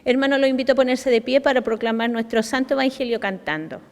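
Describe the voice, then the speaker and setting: A woman's voice: high voice, quick pace. A woman reads a scripted liturgical introduction as Mass commentator in a church. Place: large church. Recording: long church reverb.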